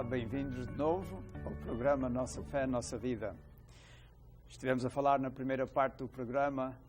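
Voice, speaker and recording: A man hosting a conversation, relaxed and asking questions. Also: mid-range voice. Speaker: host. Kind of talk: casual chat.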